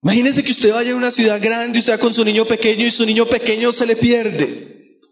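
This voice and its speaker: A man's voice: extremely high pitch, fairly even intonation, a little fast, vocal fry, lo-fi sound. A man preaching a sermon, earnestly calling his listeners brothers. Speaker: pastor.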